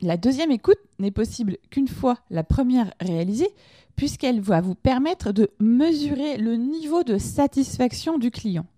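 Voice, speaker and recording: Woman teaching in a chatty way, highish mellow voice, dry close sound. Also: lively intonation, normal speed, no room sound. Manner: conversational, addresses listeners directly with questions. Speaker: podcast host teaching lean management. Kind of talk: informal explanatory lesson.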